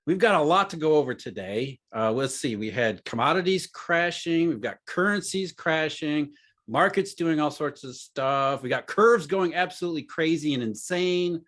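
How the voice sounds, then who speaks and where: A man's voice: fairly high pitch, lively intonation, normal speed, a bit bright. Dry-joking male podcast host. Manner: dry joking, sarcastic asides. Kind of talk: casual financial podcast chat.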